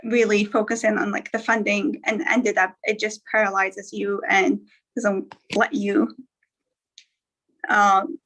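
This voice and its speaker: A young woman from Algeria speaks casually on a live stream, pausing often with fillers and restarting her sentences. Her voice is bright and forward. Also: mid-range voice, little pitch movement, poor audio. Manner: hesitant, many fillers and restarts. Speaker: guest speaker.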